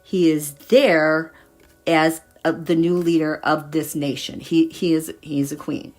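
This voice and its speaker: A woman's voice: deep voice, little pitch movement, moderate pace, darkish tone, faint music behind. A woman reading tarot cards in a casual livestream, chatty and meandering as she thinks aloud. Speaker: tarot reader.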